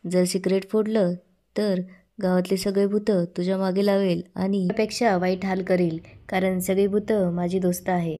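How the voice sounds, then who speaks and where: A woman's voice: medium pitch, little pitch movement, moderate pace, mellow, natural voice. A woman voicing a sly older man who teases a girl and warns her to keep his secret.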